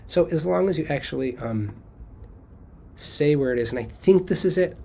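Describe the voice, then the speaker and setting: A man's voice: a little high, animated, moderate pace, gravelly, warm tone, slight background noise. A man teaching college students how to quote sources, talking conversationally and checking in often with "okay?". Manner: thinks aloud with fillers and restarts. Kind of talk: casual screen-share lecture.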